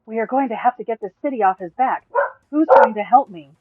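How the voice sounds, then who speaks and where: A man voicing an eager, brave adventurer who talks in a raised, excited way. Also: very high-pitched, a little fast, slightly rough, no echo, pitched above the performer's own voice, heavily acted. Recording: tinny, phone-like, dry.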